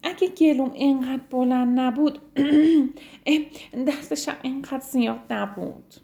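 A woman voicing a glum young female giraffe with a sore throat, speaking higher and throat-clearing in a bedtime story. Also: dark tone. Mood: sorry for herself.

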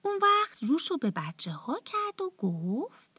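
A woman telling a bedtime story to children in a soft, often half-whispered, tender voice. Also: high-pitched, wildly swooping pitch, very noisy.

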